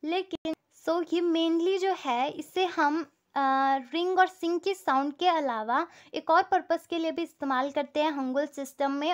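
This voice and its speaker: A woman teaching a language step by step, patient and repeating each example. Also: high voice.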